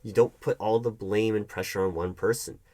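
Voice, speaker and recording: In a one-sided conversational audio roleplay, a man plays a defensive, wounded hiring manager arguing with his ex. He sounds defensive and exasperated, halting as he repeats her accusations back as questions. His voice is fairly low, mellow, and fairly even in intonation, close to how he'd normally talk.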